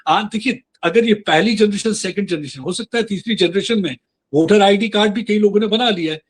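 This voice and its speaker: Husky high-voiced man arguing a point. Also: a little fast. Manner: earnest, mixes Hindi and English, frequent fillers. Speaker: guest. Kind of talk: political interview discussion.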